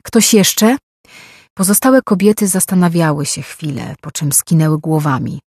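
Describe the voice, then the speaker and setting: Steady audiobook narrator, dry close sound. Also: mid-range voice, moderate pace, slightly rough, no room sound. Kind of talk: scripted narration.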